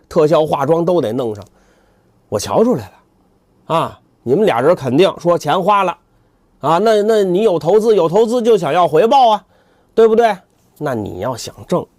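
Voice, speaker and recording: Man voicing a brash, cynical temple sweeper monk, swinging pitch. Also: darkish tone, dry recording, clean studio sound. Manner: colloquial, hectoring, rhetorical questions.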